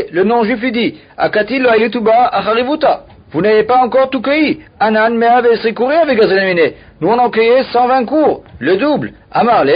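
A man's voice: extremely high pitch, muffled recording. A man teaching a religious text, reading each phrase aloud and then explaining it in French. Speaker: Talmud teacher.

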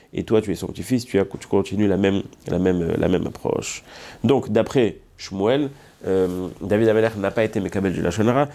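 A man's voice: low voice, a little mellow. A man giving a Talmud study lesson. He reads Hebrew and Aramaic passages, then explains them in French, hesitating often as he thinks. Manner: thinks aloud with frequent hesitations. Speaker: Talmud teacher.

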